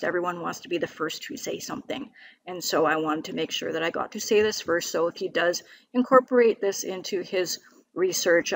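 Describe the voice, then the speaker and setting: An independent physics video maker walks through equations shown on screen, her voice low-ish and slightly bright. A cold has left it scratchy, and she speaks hesitantly, with lots of fillers and restarts.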